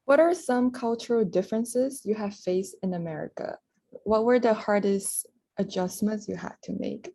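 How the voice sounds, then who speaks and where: A young woman from Malaysia co-hosts a casual student podcast. Her voice is mellow and soft-edged, at an ordinary pitch, and she chats in a friendly, easy way. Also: moderate pace, no echo. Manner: friendly, frequent mm-hmm backchannels. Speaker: podcast co-host.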